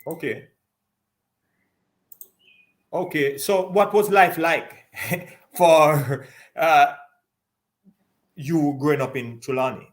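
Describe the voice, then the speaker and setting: Brief: male talk host, live stream interviewer, measured, encouraging, gives advice. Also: a little high.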